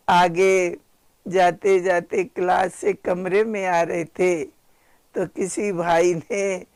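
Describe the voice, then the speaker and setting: Slow, gravelly older woman reminiscing. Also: lowish voice, no room sound. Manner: gentle, reverent storytelling. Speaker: spiritual sister recalling her teacher.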